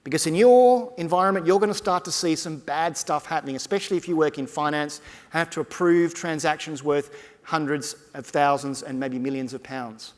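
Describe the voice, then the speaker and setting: Man giving a lively conference keynote. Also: on the high side, normal speed. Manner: energetic, conversational, direct address to audience. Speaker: keynote speaker, futurist. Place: large conference hall stage. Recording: long hall reverb from a conference stage.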